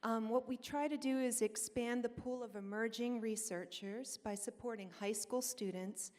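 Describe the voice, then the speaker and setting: A woman's voice: a little high, normal speed, darkish tone. A woman program manager speaking at a conference, a little nervous and informal. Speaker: program manager presenting awards. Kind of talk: conference speech. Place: large conference hall. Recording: hall reverb.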